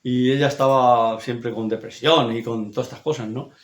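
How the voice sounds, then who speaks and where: A man's voice: medium pitch, fairly even intonation, normal speed. A man from preaching a sermon, emphatic and repetitive, often checking in with his listeners. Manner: emphatic, repetitive, frequent tag questions. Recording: echoey church hall.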